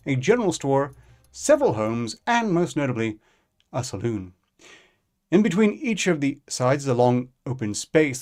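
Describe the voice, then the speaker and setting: A man's voice: medium pitch, darkish tone. Man reading a clinical document aloud. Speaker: reader. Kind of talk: live reading of a fictional document.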